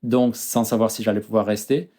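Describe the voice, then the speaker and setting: French guy in his 30s, guest on an interview, lots of euh and restarts, mellow low tone. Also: fairly even intonation, fairly quick. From France. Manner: hesitant, many fillers and restarts. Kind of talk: casual interview chat.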